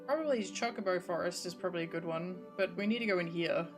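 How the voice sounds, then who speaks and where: A woman's voice: on the low side, quick pace, music in the background. A woman game streamer chatting casually through her playthrough.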